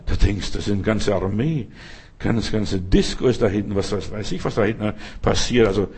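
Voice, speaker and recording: A man preaching a sermon in a lively, folksy way, often asking his listeners if they follow. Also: fairly low pitch, normal speed, breathy edge. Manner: lively, folksy, asks "verstehst du?".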